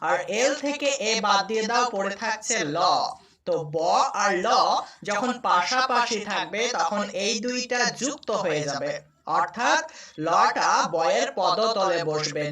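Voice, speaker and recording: A woman walks learners through English sound blends, patient and repetitive. Her voice is bright and clear. She sits a little off the mic, and the room gives it a noticeable echo. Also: mid-range voice. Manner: slow, patient, repeats each sound. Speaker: English teacher. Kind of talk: online phonics lesson. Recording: echoey room, a bit far from the mic.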